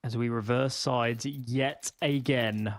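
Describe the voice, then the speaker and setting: A man's voice: mid-range voice, fairly even intonation, takes it slowly, dry recording. A man co-commentating a live esports match with conversational, wry analysis. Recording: faint background noise and clicks.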